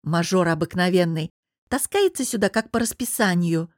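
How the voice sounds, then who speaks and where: A woman reading an audiobook, voicing a cheerful young female friend who chatters in an excited, teasing way. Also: mid-range voice, fairly quick, no echo, clean studio sound, natural voice. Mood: lively.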